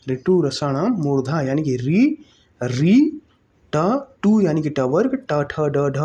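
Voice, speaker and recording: A teacher works through an exam-prep lesson at an unhurried pace, repeating each term several times. The voice is dark and mellow, and the teacher keeps asking the class rhetorical questions and checking that they follow along. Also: medium pitch, highs cut off. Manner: checks in with "okay?" often.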